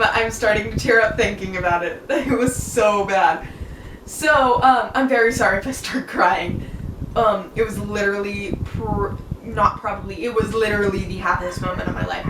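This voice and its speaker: Gushing teen girl vlogger, roomy echo. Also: mid-range voice. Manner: gushing, excitable, many fillers. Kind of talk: casual storytelling. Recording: echoey room, far from mic, noisy.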